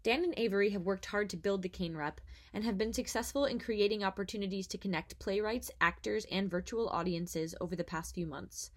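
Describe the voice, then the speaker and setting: A woman's voice: medium pitch, a little fast. A young woman hosting an interview podcast, reading a scripted intro and then asking friendly conversational questions. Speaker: podcast host.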